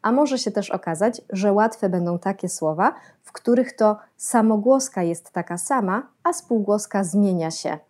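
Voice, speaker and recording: A woman calmly explaining to parents how small children learn consonants and syllables, slowly sounding out example syllables. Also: medium pitch. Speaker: speech therapy educator. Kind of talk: calm instructional explanation for parents.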